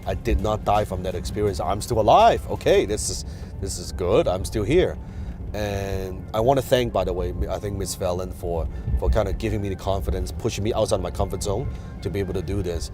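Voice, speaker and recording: A man from Hong Kong whose first language is Chinese hosts a casual advice talk from inside a car, telling his story with many fillers and restarts. His voice sits low and moves fairly quickly, with music playing in the background.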